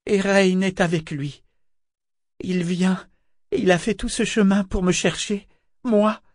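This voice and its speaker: A man's voice: high voice, fairly even intonation, slow, no room sound, studio quality, voice pushed up. A man voicing a frightened young girl who senses a dragon, urgent and then hollow. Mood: despairing.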